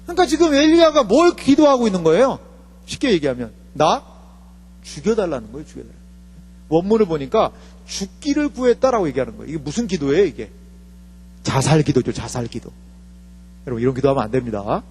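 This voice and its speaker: A male pastor preaching a sermon, animated and often putting questions to the congregation. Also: fairly high pitch, quick pace, breathy edge. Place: church hall. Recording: reverberant hall with faint mains hum.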